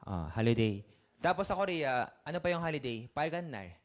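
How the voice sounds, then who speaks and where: A man's voice: a little high, very animated, normal speed. Man teaching vocabulary, casual and chatty. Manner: explains terms in mixed Tagalog and English, asks learners questions. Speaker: Korean language teacher. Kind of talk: casual online language lesson.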